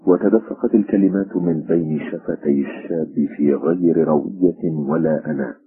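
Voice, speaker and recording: A man narrating a scripted radio story in a measured, literary way. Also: very deep voice, breathy edge, narrow, tinny audio.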